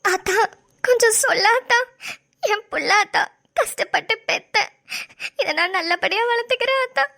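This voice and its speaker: A woman's voice: extremely high pitch, animated, moderate pace, gravelly, sharp tone, heavily acted. Woman voicing a tearful pleading young mother. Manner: tearful, begging, calling out to her elder. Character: young village mother pleading for her newborn daughter. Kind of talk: cartoon voice acting.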